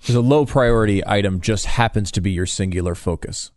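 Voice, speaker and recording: A man's voice: lowish voice, brisk, darkish tone, no echo. A man co-hosting a talk show, bantering casually with dry, understated sarcasm. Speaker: radio co-host. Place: dry radio studio.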